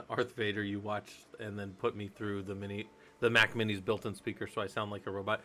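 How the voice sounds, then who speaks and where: A man's voice: fairly low pitch, little pitch movement, a little fast, sharp tone, slight background noise. A man hosting a casual live stream, chatting loosely and thinking aloud while he works on a computer. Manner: loose and rambling, thinks aloud, many fillers. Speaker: livestream host.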